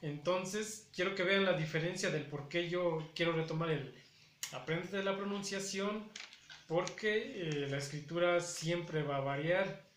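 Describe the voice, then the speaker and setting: Slow-spoken man teaching pronunciation. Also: high voice, fairly bright tone, slight background noise. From Puebla, Mexico. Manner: patient, repeats words slowly to show pronunciation. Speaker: Nahuatl language teacher. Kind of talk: spoken language lesson to camera. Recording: echoey room.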